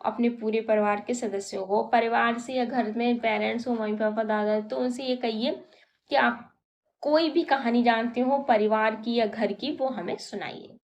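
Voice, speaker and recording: A woman teacher patiently walking young children through a lesson, counting slowly and repeating her questions. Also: fairly high pitch, steady tone, highs cut off.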